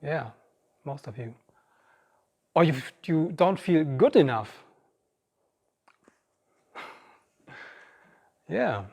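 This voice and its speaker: A man's voice: on the high side, big pitch swings, extremely slow, gravelly, long pauses, warm tone, breathy edge. A man giving a reflective, personal inspirational talk on stage, speaking directly to the audience. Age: 50s. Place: large auditorium stage. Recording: long reverb of a large hall.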